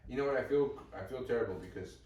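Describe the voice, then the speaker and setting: A young man co-hosting a comedy podcast, rambling through deadpan, absurd improvised stories. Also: medium pitch, fast talker. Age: young adult. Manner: deadpan rambling storyteller, escalating absurd bits. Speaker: podcast co-host. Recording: echoey room, distant mic.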